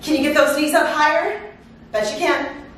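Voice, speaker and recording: A middle-aged woman coaching a workout as an energetic, encouraging aerobics instructor, exerting herself as she calls out cues and countdowns. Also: high voice, moderate pace. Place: living room at home, indoors. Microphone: far camera. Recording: echoey room, far microphone, faint noise.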